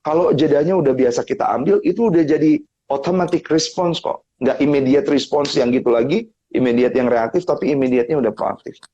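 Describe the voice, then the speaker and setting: Husky man telling lively stories. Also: fairly quick, dull audio. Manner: animated storytelling, acting out others' lines with big pitch jumps. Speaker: guest speaker on family topics. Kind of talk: casual motivational talk on a live stream. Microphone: live-stream mic.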